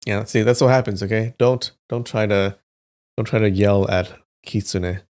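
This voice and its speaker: A man reading old folktales aloud and breaking off for relaxed, joking asides to his viewers. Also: on the low side, slow pace. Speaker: YouTube history host.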